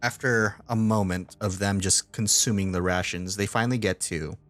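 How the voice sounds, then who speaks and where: A man's voice: on the low side, fairly even intonation, normal speed, fairly bright tone. A man narrating a tabletop game as game master, laughing often as he describes the scene. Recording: faint music behind.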